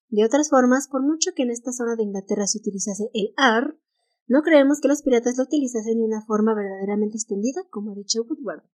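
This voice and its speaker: A woman co-hosting a laid-back history podcast speaks with a Mexican Spanish accent in a slightly high voice with a darkish tone. She reads notes aloud, stumbles over English titles, and laughs with ease.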